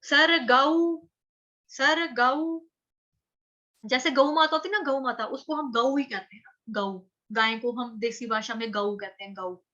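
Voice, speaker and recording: Bright high-voiced teacher woman. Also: normal speed, few pauses, highs cut off. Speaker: Sanskrit recitation teacher for children. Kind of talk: online chanting lesson, explaining word by word.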